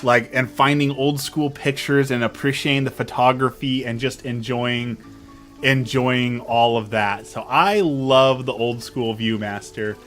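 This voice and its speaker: A young man streaming and chatting casually with his viewers, animated and self-mocking as he tells stories. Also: medium pitch, a little slow, faint music behind. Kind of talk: casual chat with live chat.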